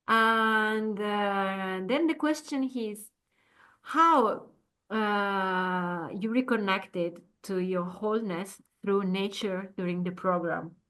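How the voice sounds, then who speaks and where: A woman's voice: mid-range voice, slow, fairly bright tone, smooth. Thoughtful woman host asking questions. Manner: explanatory, thoughtful, with frequent fillers. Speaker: podcast host. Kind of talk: interview questions.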